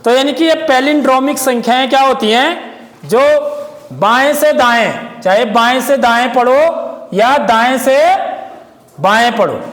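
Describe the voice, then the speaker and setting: High-voiced man teaching maths, echoey room. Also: fairly bright tone. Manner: keeps checking understanding with questions. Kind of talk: classroom maths lesson. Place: classroom with pupils answering. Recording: echoey room with long reverb.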